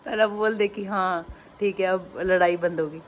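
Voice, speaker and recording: A woman's voice: on the low side, fairly even intonation, normal speed, lo-fi sound. A young woman with a Haryanvi accent, chatting emotionally in a casual family vlog, telling stories with teasing asides. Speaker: family vlogger. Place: home kitchen. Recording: noisy home phone recording.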